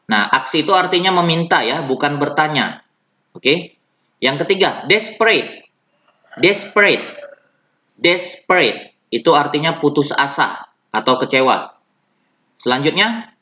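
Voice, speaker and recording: A man with an Indonesian accent teaching an English lesson, speaking slowly and repeating each example word for his students. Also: fairly high pitch, animated, sharp tone. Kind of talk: recorded classroom lesson. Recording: dull, roomy lo-fi recording.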